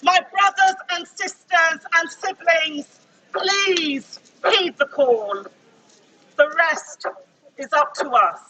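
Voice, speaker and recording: A woman's voice: very high voice, slow, very noisy. A woman giving an impassioned speech at an outdoor street protest, drawing out her words. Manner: impassioned, declamatory. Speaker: protest speaker. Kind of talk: rally speech with slow emphatic delivery.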